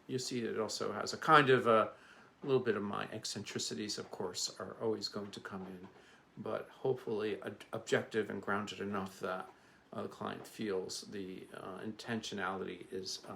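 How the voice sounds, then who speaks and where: A middle-aged or older man from the Bronx giving an informal, earnest introduction as a therapist and teacher, speaking in a halting, reflective way. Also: on the low side, steady tone, vocal fry, bright, forceful tone. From the Bronx, New York. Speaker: psychologist and therapy teacher presenting his channel. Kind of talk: informal spoken introduction to camera. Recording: echoey room, distant mic, faint noise.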